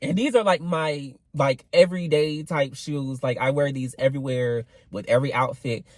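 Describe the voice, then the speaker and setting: A man's voice: medium pitch, normal speed, no room sound, low-quality recording. A young man in his twenties venting in a casual vlog rant, rambling with fillers and swearing freely. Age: 20s. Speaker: vlogger.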